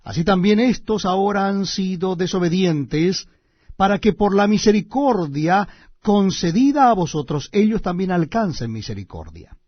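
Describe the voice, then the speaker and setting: A man reading the Bible aloud as host, in solemn, measured, declamatory narration with deliberate pauses between phrases. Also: high voice, animated, dry recording, muffled recording.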